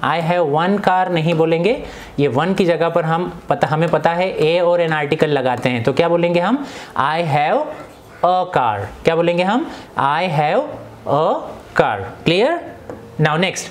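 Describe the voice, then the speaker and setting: Man slowly drilling English grammar examples. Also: a little high, animated. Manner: drills example sentences slowly and repeats them; often asks the class rhetorical questions. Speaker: English teacher. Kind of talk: classroom grammar lesson.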